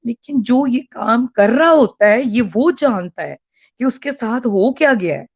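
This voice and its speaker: A woman's voice: on the high side, expressive, a little slow, darkish tone, slightly rough, dry recording, muffled recording. A woman in her forties phoning in as a caller over a call line, speaking earnestly with frequent hesitations and restarts. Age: 40s. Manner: hesitant, with many fillers and restarts.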